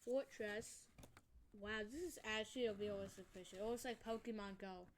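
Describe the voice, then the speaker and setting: A woman hosting a casual card-opening vlog, talking haltingly with many ums as she reads out card names. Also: mid-range voice, steady tone, a little hiss or hum. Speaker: channel host.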